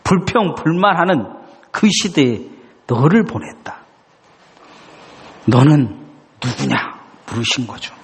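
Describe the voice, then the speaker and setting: A man's voice: fairly high pitch, sing-song, normal speed, breathy edge, big-room sound. A male pastor preaching a sermon, dramatically acting out the questions God and the prophets ask. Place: church sanctuary.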